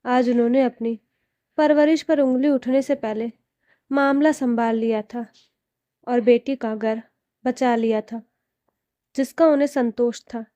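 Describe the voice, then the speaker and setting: High-voiced, slow female storyteller. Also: dark tone, dry recording. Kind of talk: scripted story narration.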